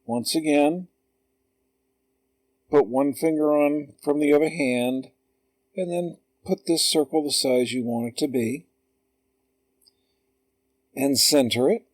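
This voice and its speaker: A man calmly talking through a drawing tutorial step by step, in an unhurried voice-over. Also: fairly high pitch, dry recording. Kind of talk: slow screen-recorded tutorial.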